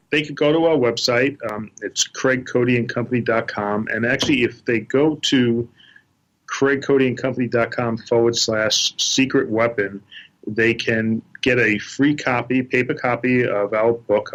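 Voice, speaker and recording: A man's voice: medium pitch, fairly bright tone, low-quality recording. A man speaking as an accountant guest on a podcast, hesitant and full of fillers. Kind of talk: casual interview chat.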